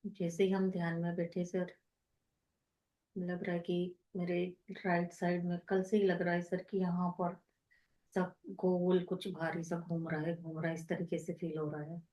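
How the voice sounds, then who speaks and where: A woman shares a meditation vision over a video call, narrating softly in the present tense and calling her teacher sir. Her voice sits a little low and sounds warm and mellow. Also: monotone, measured pace, poor audio. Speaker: meditation participant sharing her experience. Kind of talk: personal account of a meditation vision.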